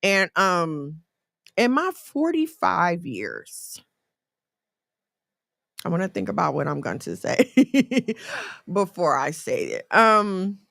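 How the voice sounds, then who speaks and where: Woman, forties, chatty faith talk with folksy asides; bright tone, dry close sound. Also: lowish voice, takes it slowly, creaky, pauses often, no echo. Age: 40s. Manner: conversational, folksy, animated storytelling with asides.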